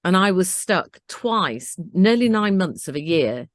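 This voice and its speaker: A woman in her sixties from Britain, telling her own story in an interview with earnest, animated storytelling. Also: on the low side, measured pace, dry recording, clean studio sound. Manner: earnest, animated storytelling with acted-out self-talk. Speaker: interview guest. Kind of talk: conversational interview.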